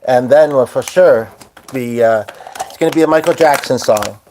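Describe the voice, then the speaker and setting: Over a noisy background, a man with a medium-pitched voice talks at a moderate pace while live-streaming from home at his piano, recorded on a phone. He rambles loosely to his viewers as he sets up to play, in a casual live-stream chat that comes from Hungarian.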